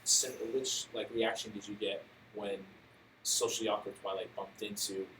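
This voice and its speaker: A man's voice: lowish voice, flat delivery, moderate pace, noisy background. A man co-hosting a casual podcast, hesitant and full of "like"s, acting out characters' lines while recounting scenes. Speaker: podcast co-host. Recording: echoey room from a distance.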